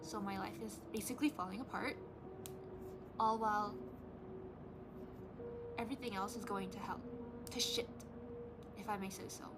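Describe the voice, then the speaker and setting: A woman's voice: mid-range voice, fairly even intonation, normal speed, long pauses, heavy background noise. Frustrated eighteen-year-old woman venting. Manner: venting, frustrated, swears freely. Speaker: vlogger. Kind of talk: candid vlog.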